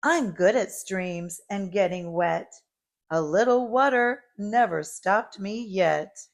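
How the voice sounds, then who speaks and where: A woman's voice: medium pitch, slow pace, creaky. A woman voicing a small, eager, helpful boy truck from a storybook, beeping and encouraging. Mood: plucky, proud.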